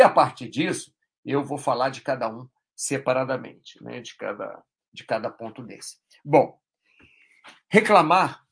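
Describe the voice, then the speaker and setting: A man's voice: medium pitch, a bit bright. A man hosting a live stream, explaining ideas casually in a rambling way, with frequent tag questions.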